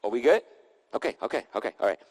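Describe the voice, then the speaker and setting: A man's voice: medium pitch, big pitch swings, fast talker, in a large hall. A man preaching a sermon into a pulpit microphone, emphatic and repetitive, with casual vernacular and call-and-response. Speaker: pastor.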